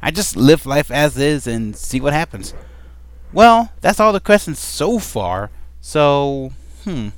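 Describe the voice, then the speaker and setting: This vlogger's voice sits on the high side, and he sounds very animated while moving at a slow pace. At home with a desk microphone, he tackles a question tag as casual chat, full of ums and playful rambling.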